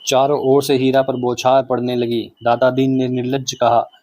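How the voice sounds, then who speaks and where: Guy reading an old novel aloud, super even tone, dry close mic. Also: medium pitch, dry recording. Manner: steady, measured storytelling. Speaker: narrator.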